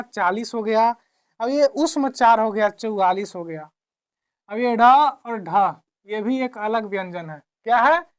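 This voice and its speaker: A woman teaching a classroom lesson, who keeps asking her own questions and answering them, repeating each point slowly. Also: fairly high pitch, smooth. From India.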